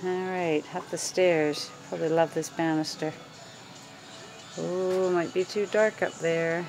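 A woman filming a casual walkthrough of her house under renovation, pointing things out room by room in a relaxed way. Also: fairly low pitch, slow, faint music behind, rough recording. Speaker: homeowner giving a house tour. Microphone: handheld camera, filming while walking.

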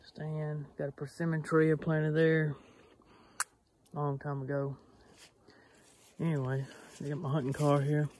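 A man rambles to a self-held camera out in the open, his speech full of fillers and restarts. His voice sits a little high and stays fairly flat, with faint outdoor noise behind it. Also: measured pace, long pauses. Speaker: hunting vlogger. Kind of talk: casual self-filmed vlog talk. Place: outdoors on rural land. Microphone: self-filmed camera.

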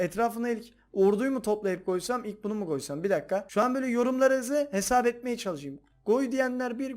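A man hosting a game video, chatting casually and excitably to his viewers as he plays. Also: high voice. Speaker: gaming video host. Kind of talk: casual gameplay commentary.

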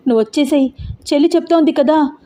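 Scared teen big sister, shaky trembly voice, pitched up, woman reading it. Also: fast talker, warm tone, natural voice. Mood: frightened. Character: frightened teenage elder sister.

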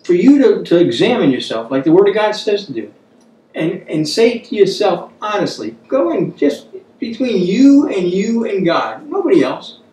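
His voice sits high and mellow, with big pitch swings at a moderate pace. The man, in his fifties, teaches a Bible study like a sermon, earnest and exhorting, leaning on repeated phrases, at a wooden table in a small room indoors. An echoey room and distant microphone shape the recording.

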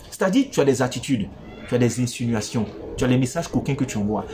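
Lively teasing man. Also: mid-range voice, slight background noise. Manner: teasing, playful, addresses listeners directly. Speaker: relationship advice speaker. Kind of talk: animated advice monologue.

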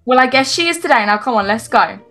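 A woman's voice: high voice, expressive, fast, pushed and bright. A woman voicing a firm mother in a game role-play, laying down the rules for her kids. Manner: firm, instructing.

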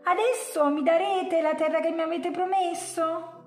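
A woman voicing a flattering, pleading yellow monster in a storybook read-aloud, grovelling with grand titles. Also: very high-pitched, normal speed, reverberant, soft background music, voice pushed up. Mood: fawning.

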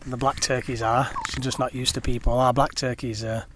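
A man's voice: medium pitch, level tone, a little fast, noisy background. A man chatting casually and upbeat to camera for his family vlog, outdoors in a rural village and garden. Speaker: family vlogger.

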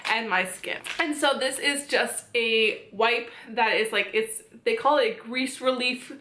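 A young woman in her twenties vlogs from a small bedroom, talking casually and cheerfully to the camera. Her voice sits a touch high and sounds bright and sharp. The room gives a noticeable echo. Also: unhurried, slight background noise. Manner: chatty, upbeat, showing items one by one. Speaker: fitness vlogger. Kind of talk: casual chat.

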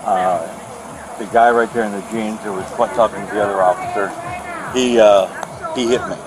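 Man giving a halting statement on bodycam. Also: on the low side, fairly even intonation. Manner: halting, rambling, many restarts. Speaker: neighbor complaining about noise. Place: outdoors at night by a trailer lot. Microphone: officer's bodycam. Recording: noisy outdoor bodycam audio.

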